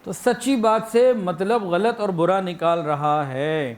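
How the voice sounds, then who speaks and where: Anecdotes and acted-out lines fill the sermon of this high-voiced preacher, who speaks with a Pakistani Urdu accent.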